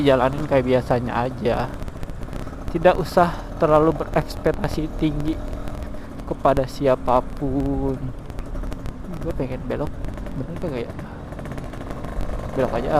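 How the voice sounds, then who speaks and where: A young man from Cianjur talks candidly as he rides through town at night. His voice sits a little high for a man, and loud traffic and road noise roar behind him. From Cianjur, West Java. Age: 20s. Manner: candid, rambling, heartfelt. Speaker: vlogger. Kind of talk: casual confessional chat while riding at night.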